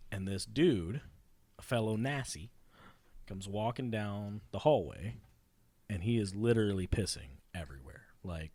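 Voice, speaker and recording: A rambling young sailor, sweaty and excitable, played by a man, with a deep voice that swings around a lot. The tone is husky and a little rough. It sounds dry and close, in a comedy audio drama. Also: dry recording. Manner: breathless rambling storytelling. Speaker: sailor telling a story.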